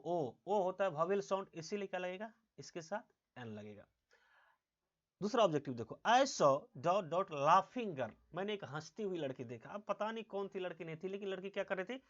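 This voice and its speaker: High-voiced teacher quizzing and self-answering. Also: male voice. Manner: asks quiz questions and answers them himself; repeats key words slowly for emphasis. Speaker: English teacher. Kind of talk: classroom grammar lesson. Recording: dull lo-fi sound.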